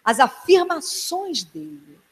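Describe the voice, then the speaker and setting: A woman pastor preaching a sermon in a church, earnest and emphatic, sometimes dropping to a hushed tone. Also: sits high, sing-song, slow. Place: church hall. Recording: long church hall reverb.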